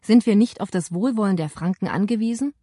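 A woman's voice: medium pitch, a little fast, dark tone, slightly rough, dry recording, studio quality, natural voice. A woman voicing an elderly male Roman prefect who sternly reproaches a younger man, in an audiobook. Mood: reproachful. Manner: stern, accusing.

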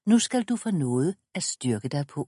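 A woman voicing a gentle, kind woman of a hidden folk, speaking softly and reassuringly. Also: sits low, big pitch swings, husky, dry recording, studio quality, exaggerated voice. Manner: soft, reassuring.

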